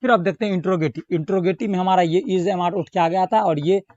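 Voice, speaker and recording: A man with an Indian accent teaching English grammar in Hindi, reading example sentences slowly and carefully. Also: high voice, fairly even intonation, a little mellow, no echo. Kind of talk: Hindi-language grammar lesson with spoken examples. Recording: dull, slightly lo-fi recording.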